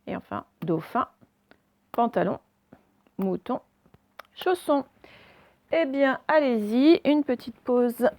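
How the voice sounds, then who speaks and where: Slow, clear-spoken woman teaching phonics. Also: a little high, lively intonation, darkish tone, no room sound. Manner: slow, sounds out words clearly and stresses the target sounds. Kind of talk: recorded phonics lesson for young children.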